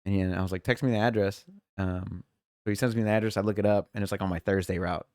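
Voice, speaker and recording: A man's voice: sits low, fairly even intonation, quick pace, a little mellow, smooth, dry recording, clean studio sound. A man co-hosting a podcast, telling long rambling stories about his work week in casual chat and quoting coworkers. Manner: rambling storyteller, mimics coworkers in quotes. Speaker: podcast co-host.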